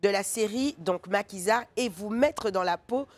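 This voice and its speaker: A woman hosting a lively studio game segment in a playful, laughing way. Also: mid-range voice, moderate pace. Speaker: TV show host.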